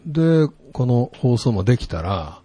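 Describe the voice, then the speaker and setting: Guy with a kansai accent, kinda husky, chatty and relaxed, pitch bounces around a lot. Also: dry recording. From Kansai, Japan. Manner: easygoing storytelling, drawn-out sentence endings. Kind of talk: casual chat.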